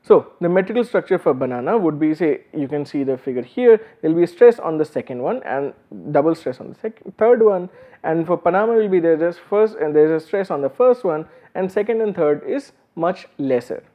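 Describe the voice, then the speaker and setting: Male university lecturer, higher-pitched voice, halting explanatory delivery, slightly dull recording. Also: expressive. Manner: many fillers and restarts, explanatory.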